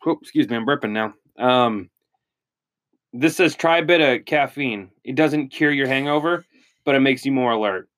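A man's voice: medium pitch, normal speed, a bit bright. A young man co-hosting a podcast in casual chat, rambling through tips he reads aloud, with lots of filler words. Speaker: podcast co-host.

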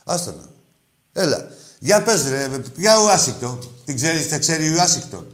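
A man hosting a sports call-in radio show, mocking and insulting his callers, swinging between loud outbursts and muttered asides. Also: on the high side, very animated, a little hiss or hum. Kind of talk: rowdy call-in radio banter.

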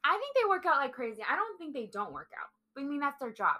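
A woman's voice: high voice, sing-song, fast, bright, forceful tone. A young woman co-hosting a casual chat, blunt and opinionated, swearing freely. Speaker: podcast co-host.

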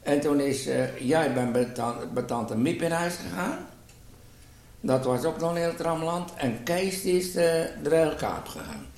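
A man's voice: a little high, very animated, a little slow, a little mellow. An elderly man, casually reminiscing in conversation on an old home tape. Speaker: interviewee recalling wartime memories. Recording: roomy, faintly noisy home tape.

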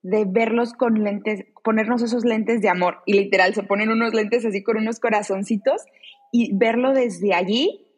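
A woman's voice: mid-range voice, fairly even intonation, moderate pace, husky. A woman co-hosting an interview podcast, telling about her own routine in a storytelling way. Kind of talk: conversational interview. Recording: long reverb.

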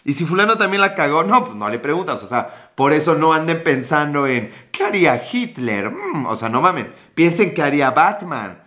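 Young Mexican guy, livestream host, bright, slangy, joking. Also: fairly high pitch, very animated, brisk, few pauses. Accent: Mexican Spanish. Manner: joking, crude slang, reads and answers comments. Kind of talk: casual livestream chat with viewers.

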